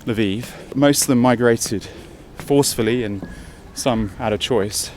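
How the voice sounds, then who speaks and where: A man's voice: mid-range voice, slow, darkish tone. An English man talking while walking uphill outdoors for a travel vlog, chatty and thinking aloud, a bit out of breath. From England. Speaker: travel vlogger. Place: outdoors on a city hill walk. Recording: faint outdoor street noise.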